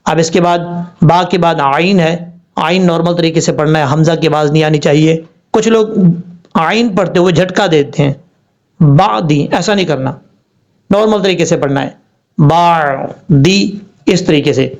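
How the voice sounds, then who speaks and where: Male tajweed teacher, slightly high voice, patient step-by-step delivery, dull lo-fi recording. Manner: patient, step-by-step explanation with slow spelled-out recitation. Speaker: Quran recitation teacher. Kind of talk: tajweed lesson. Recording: dull lo-fi sound.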